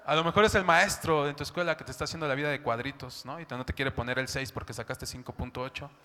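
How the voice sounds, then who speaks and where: A man's voice: medium pitch, fairly even intonation, quick pace, pushed and bright. A man preaching a sermon, talking in a chatty way and often asking "¿no?". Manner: conversational, keeps asking "¿no?" and "¿sabes?". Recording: long hall reverb.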